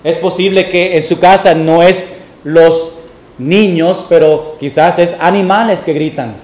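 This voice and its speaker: Man, pastor, Sunday sermon, slow deliberate delivery, echoey church sanctuary. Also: a little high, steady tone, a little mellow. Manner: slow, deliberate preaching with homely family examples; mixes English words into Spanish.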